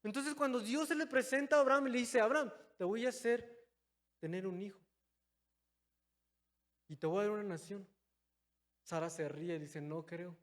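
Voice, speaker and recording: A young man preaching a sermon in a church, calling his listeners brothers and moving between loud, stressed phrases and quiet, low asides. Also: normal speed, long pauses. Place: church hall. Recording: long hall reverb.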